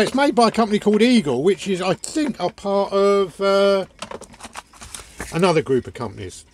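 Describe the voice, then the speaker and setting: A man's voice: on the high side, a little hiss or hum. An older man talking casually to camera about his boat gear, chatty and rambling, stumbling and repeating words as he goes, filmed on a phone in a small boat cabin. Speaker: sailing vlogger. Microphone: phone camera at arm's length.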